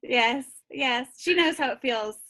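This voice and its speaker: A woman's voice: high voice, measured pace, heavy background noise. A tired woman hosting a team call on a video call, chatty and encouraging. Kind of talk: casual chat on a video call.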